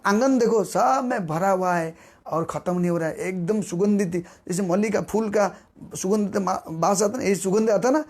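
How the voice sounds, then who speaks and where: A man preaching in Hindi as he tells a devotional story, animated and repeating phrases for emphasis. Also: sits high. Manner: animated, repeats phrases, acts out characters' voices.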